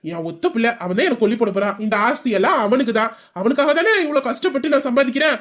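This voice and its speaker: Playing the father Sellamuthu in an audio drama, the performer rattles off lines very fast in a high, fairly bright, expressive voice. The character, a strict, penny-pinching middle-aged shopkeeper, lectures his wife and tries to persuade her he's right.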